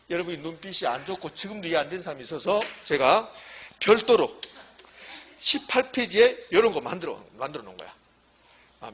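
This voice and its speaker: A high-voiced middle-aged man teaches a classroom exam-prep lecture. His pitch swings widely as he hammers each point home and walks the class through examples on the board. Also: a bit bright, slight background noise. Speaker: real estate exam lecturer. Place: classroom with a blackboard.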